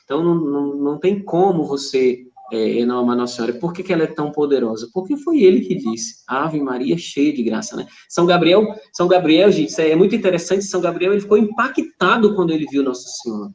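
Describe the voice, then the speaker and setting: A man's voice: on the high side, lively intonation, fast, few pauses, darkish tone, echoey room, dull audio. A man with a Brazilian Portuguese accent, a religious brother telling stories as a podcast guest, acting out dialogue and often adding "né?". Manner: storytelling with quoted dialogue, frequent "né?". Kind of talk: conversational testimony.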